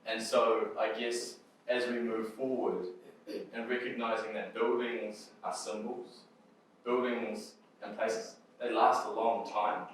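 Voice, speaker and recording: A man's voice: lowish voice, level tone, takes it slowly, slight background noise. A New Zealand man giving a joking, hesitant public talk at an event, with many ums. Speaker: mana whenua representative speaker. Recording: echoey hall from far off.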